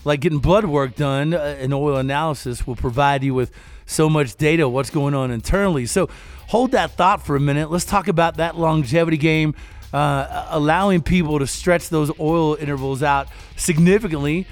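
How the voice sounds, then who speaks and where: An energetic male podcast host with a somewhat high voice talks up his guest in casual chat. He sounds close and dry on the mic, with faint music in the background. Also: moderate pace, no echo. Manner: energetic, hypes the guest with sing-song show intros.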